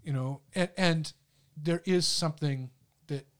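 A man's voice: fairly high pitch, measured pace. A man talking through an idea in casual, reflective conversation, hosting a discussion.

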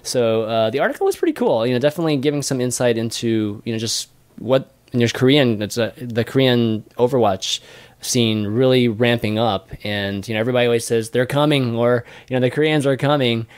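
A man's voice: mid-range voice, brisk, clean tone, no room sound. Rambling male podcast host, dry sound. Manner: rambling, many "uh" and "you know" fillers. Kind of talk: casual panel discussion.

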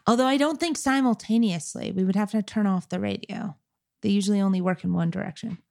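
A woman playing a tabletop game, excitable and quick to laugh. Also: medium pitch, gravelly. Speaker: player. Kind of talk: casual chat.

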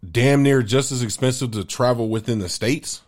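A man's voice: mid-range voice, normal speed, a little mellow. A young man co-hosting a podcast, chatting casually in a slangy, joking way. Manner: slangy, joking, puts on voices for laughs. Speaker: podcast co-host. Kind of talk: casual chat.

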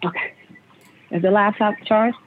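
A woman's voice: medium pitch, fairly even intonation, unhurried, a little hiss or hum. Hesitant woman over a tinny phone line. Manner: hesitant, unsure with computers. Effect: heard through a phone line, partly on speakerphone. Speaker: customer on a support call.

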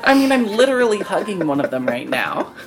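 A bubbly podcast guest chatting casually and laughing, with faint music behind. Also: female voice, medium pitch, big pitch swings, brisk.

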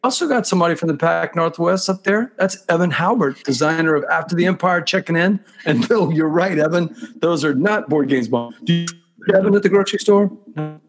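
A man's voice: on the high side, brisk, faint music behind. A man hosting a live talk show in a chatty, casual style, speaking straight to his viewers.

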